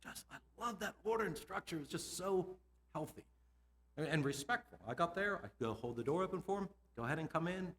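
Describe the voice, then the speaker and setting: A middle-aged man, a school administrator, giving a lively conference talk to teachers, asking them questions and laughing between points. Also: on the high side, fairly quick. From United States.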